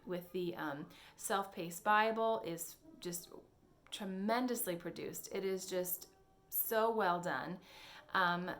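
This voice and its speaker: Earnest woman sharing homeschool picks. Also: medium pitch. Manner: earnest, hedging, with frequent ums and restarts. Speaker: homeschool blogger. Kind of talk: casual recommendation talk.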